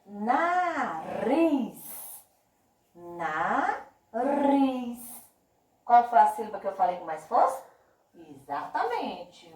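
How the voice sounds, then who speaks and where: A woman's voice: medium pitch, a little mellow, roomy sound, distant mic, poor audio. Teacher woman stretching out words. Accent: Brazilian Portuguese. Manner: slow, drawn-out emphasis on words; affectionate, uses diminutives. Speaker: primary school teacher. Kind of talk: remote class video lesson.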